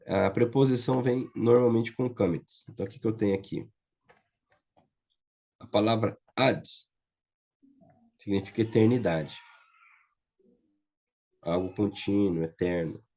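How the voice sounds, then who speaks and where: Speaking at a measured pace with frequent pauses, a man with a Brazilian Portuguese accent teaches Biblical Hebrew online in a lowish, slightly mellow voice. He patiently confirms his students are keeping up, often tossing in "tá?" and "certo?" The audio is muffled and lo-fi.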